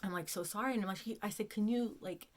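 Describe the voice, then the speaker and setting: A woman's voice: medium pitch, fast, darkish tone. A woman telling a personal story to the camera, emotional and close to tears, often repeating words as she goes. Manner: emotional, near tears at times. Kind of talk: casual storytelling.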